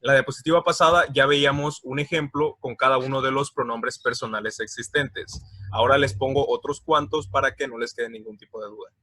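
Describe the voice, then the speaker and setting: This dry recording features a man giving an English grammar lesson off slides. He explains patiently, checks in often and repeats words slowly for pronunciation, his mid-range voice sharp in tone with fairly even intonation.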